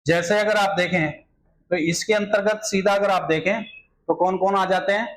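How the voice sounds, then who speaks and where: High-voiced man teaching Hindi grammar. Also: steady tone, normal speed, low-quality recording. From India. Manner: repetitive filler phrases, rhetorical questions to students. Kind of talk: exam-prep grammar lesson.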